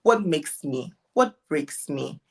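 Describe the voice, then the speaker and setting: A woman's voice: low-pitched, animated, slow, gravelly. Reflective young woman. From Ghana. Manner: reflective, rambling with restarts. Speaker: guest content creator. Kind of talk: casual interview chat.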